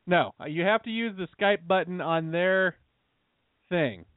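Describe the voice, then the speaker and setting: A man with a high, expressive voice co-hosts an internet radio show, trading blunt, profane banter at a slightly slow pace without echo. His voice breaks up over a glitchy, staticky Skype call, with a tinny, dry line.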